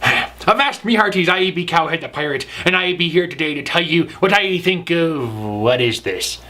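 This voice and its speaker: A man putting on a loud pushy pirate, bright, slightly high voice, for a comedy sketch. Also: lively intonation, normal speed. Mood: gruff. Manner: growling pirate talk, bossy and pushy. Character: blustering pirate named Cowhead, adult man. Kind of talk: comedic sketch within a review show.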